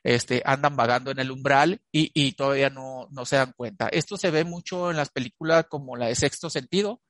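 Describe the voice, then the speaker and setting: A man's voice: medium pitch, brisk, fairly bright tone, dry recording. A man, a therapist recounting cases to an interviewer, telling them as stories full of fillers and restarts. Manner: storytelling with frequent fillers and restarts. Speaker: channeling therapist.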